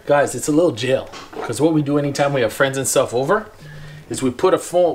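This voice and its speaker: Young male vlogger, casual slang-heavy house tour, slightly high voice, camera mic indoors. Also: slight background noise. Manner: laid-back slangy banter, walking and pointing things out.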